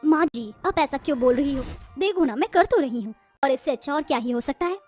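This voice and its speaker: Lady doing a lazy daughter-in-law in a cartoon, high, earnest, music behind. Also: animated, a little fast, darkish tone. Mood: defensive.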